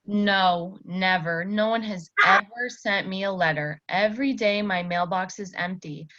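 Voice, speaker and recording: A woman voicing a gloomy, grumpy male toad from a children's story, with plaintive, expressive emphasis. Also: medium pitch, a little slow, dry recording, highs cut off. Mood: sad, resigned.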